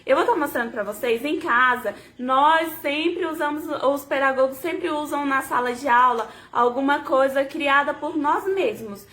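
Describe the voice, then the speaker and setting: A young woman giving parents patient, step-by-step tips on teaching reading, slowly sounding out syllables. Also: high-pitched, fairly bright tone. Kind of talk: casual tutorial to camera.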